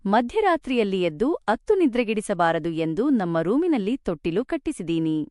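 A woman voicing a gentle, patient elderly mother-in-law who speaks softly and soothingly in a spoken storybook. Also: medium pitch, big pitch swings, normal speed, no echo, clean studio sound, lightly acted. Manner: soft, soothing.

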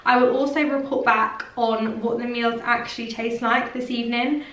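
A woman's voice: a little high, level tone, normal speed, a bit bright. Chatty woman vlogging, roomy sound. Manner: chatty and enthusiastic, many likes and literallys. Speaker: lifestyle vlogger. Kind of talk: casual vlog chat to camera. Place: home and shops, indoors. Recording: roomy sound, distant mic, clear background noise.

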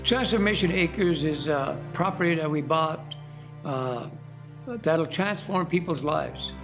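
Gravelly older pastor, earnest and halting. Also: male voice, on the high side. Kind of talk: testimony interview. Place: indoor studio backdrop. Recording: music bed underneath.

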